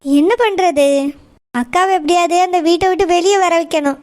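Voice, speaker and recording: A woman's voice: extremely high pitch, moderate pace, darkish tone. A woman voicing an outspoken young woman in a village cartoon, urging her elder sister in a blunt, insistent, scolding way. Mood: worried.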